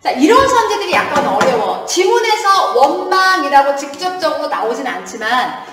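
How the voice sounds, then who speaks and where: A woman's voice: high voice, big pitch swings, normal speed. A woman teaching a literature class in a chatty lecturing manner, laughing often and checking that her students follow. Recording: echoey hall, distant mic.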